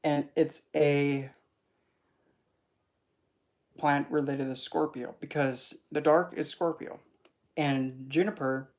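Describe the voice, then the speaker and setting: A spiritual teacher giving a casual esoteric teaching talk at a middle pitch. The delivery is rambling and chatty, with animated asides.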